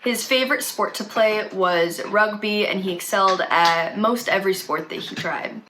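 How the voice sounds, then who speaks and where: Sniffly from a slight cold, a young woman recounts a true crime story for her channel at a moderate pace, with a noisy background. Her mid-range voice stays casual and conversational, sprinkled with fillers.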